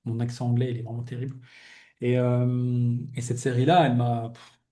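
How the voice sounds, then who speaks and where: A young adult man hosts a casual heartfelt conversation, his voice mellow and warm at a middling pitch. He muses out loud in a loose, rambling way, circling back and restarting his thoughts. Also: level tone, moderate pace. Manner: reflective, rambling, fills with "tu vois". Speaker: podcast host interviewing a guest.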